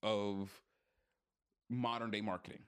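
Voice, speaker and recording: A man co-hosting a podcast in casual chat, blunt, profane and animated, joking as he goes. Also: on the low side, unhurried, smooth. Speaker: podcast co-host.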